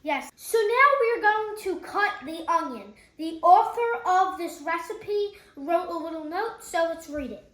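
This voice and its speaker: A woman's voice: very high voice, expressive, unhurried, hardly any pauses, a bit bright, reverberant. A female cooking helper chatting in a home kitchen and reading recipe steps aloud, upbeat and agreeable. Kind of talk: casual cooking chat.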